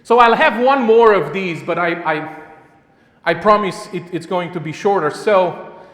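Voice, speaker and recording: Speaking before a live audience in an echoey conference hall with long reverb, a Romanian-accented man gives his talk. His voice is high-pitched, a little slow and somewhat bright, and his delivery is chatty and self-mocking, full of restarts and fillers.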